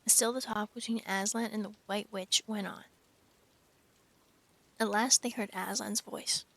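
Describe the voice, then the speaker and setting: A woman's voice: medium pitch, fairly even intonation, measured pace, creaky, a bit bright. A young woman reading a novel aloud on a live stream, with wry asides and cooing at her cat.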